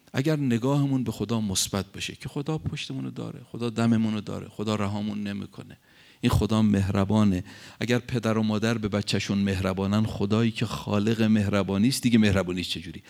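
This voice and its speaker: A man preaching a sermon, retelling a story and speaking in an animated way, his pitch swinging widely between low and high. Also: gravelly.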